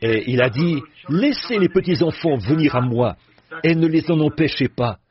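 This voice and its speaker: A man's voice: on the high side, expressive, normal speed. An older man preaching to a congregation, folksy and joking as he chats with the people in front of him. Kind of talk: sermon. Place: church platform before a congregation. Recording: muffled old recording, audience heard.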